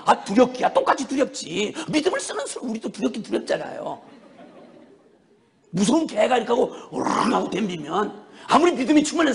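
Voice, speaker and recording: Animated, gravelly male preacher. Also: extremely high pitch. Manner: animated storytelling, acts out scenes with sudden shouts. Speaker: missionary preacher. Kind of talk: sermon.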